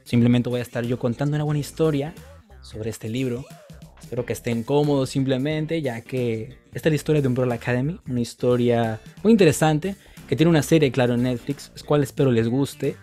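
A man's voice: medium pitch, fairly quick, mellow, soft background music. A man hosting, laid-back and bemused, in a comedy sketch. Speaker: host. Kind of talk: comedy sketch, casual chat.

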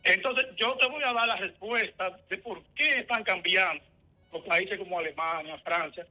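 Male caller, earnest explainer, high, sharp tone. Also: moderate pace, faint music behind, rough recording. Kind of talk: call-in comment.

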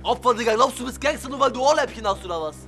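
A man's voice: very high-pitched, lively intonation, very fast, bright, forceful tone, faint music behind. Man doing a brash, broken-tough guy. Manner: aggressive street slang, broken German, "ich, äh" tic. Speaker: comedian. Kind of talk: comedy character rant.

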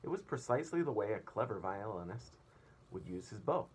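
A man in his thirties with a fairly low, very animated voice, speaking a little fast, reads a children's story aloud as a teacher. It's storybook narration in a small indoor room, captured by a device about arm's length away with clear room noise.

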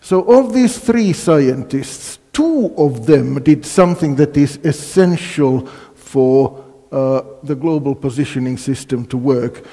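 Older male lecturer from Finland, mellow voice, quizzing the audience with many fillers, reverberant lecture hall. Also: mid-range voice, expressive, takes it slowly. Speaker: physics lecturer. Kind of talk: university colloquium lecture.

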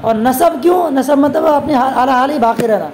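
A woman teaching a classroom grammar lesson, constantly posing quick questions to her students and answering them herself. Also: high-pitched, a little mellow, low-quality recording. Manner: addresses students as "beta". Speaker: religious teacher.

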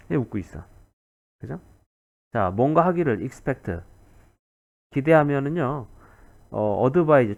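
A man's voice: medium pitch, darkish tone, dull audio. A man giving a recorded grammar lecture, repeating key words and checking in with "right?" often. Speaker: English grammar teacher.

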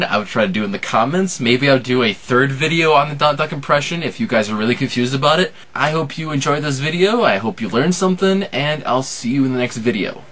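A man in his twenties hosting a casual how-to vlog, explaining things informally and a little haltingly, step by step. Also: mid-range voice, fairly bright tone. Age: 20s. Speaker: amateur impressionist and video host.

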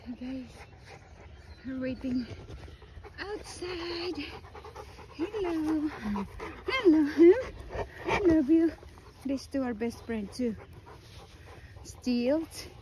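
A woman's voice: sits high, expressive, drawn-out words, long pauses, noisy background. A woman vlogging with her dogs, talking to them in a coaxing, sing-song way. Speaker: dog owner vlogger. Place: outdoors at home with dogs.

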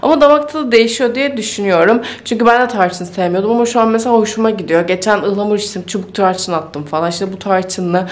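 A woman's voice: medium pitch, fast talker, hardly any pauses. A woman chatting casually in a home vlog, thinking aloud and easily amused, with faint music behind her. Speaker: vlogger. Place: home kitchen.

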